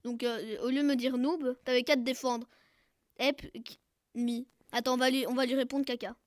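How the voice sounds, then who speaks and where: A woman giving casual, jokey gameplay commentary who keeps bursting into loud shouts and cries. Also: high voice, steady tone, normal speed, no room sound, studio quality. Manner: jokey, self-mocking. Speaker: gaming video creator.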